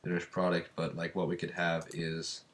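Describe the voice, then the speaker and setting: A man's voice: low voice, flat delivery, normal speed, a bit bright, slight background noise. A man with a stuffed-up cold giving casual let's-play commentary, rambling and thinking aloud while he counts and crafts. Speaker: gameplay commentator.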